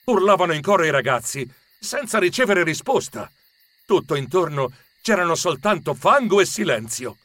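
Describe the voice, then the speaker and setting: A man narrating a children's story with expressive storytelling. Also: on the high side, moderate pace, no room sound.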